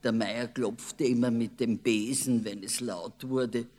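A man narrating a children's story in a slow, expressive way. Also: mid-range voice. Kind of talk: storybook reading. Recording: long reverb.

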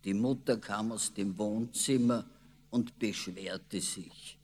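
A man narrating a children's story in a slow, expressive way. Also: on the low side, creaky, slight background noise. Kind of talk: storybook reading. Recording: long reverb.

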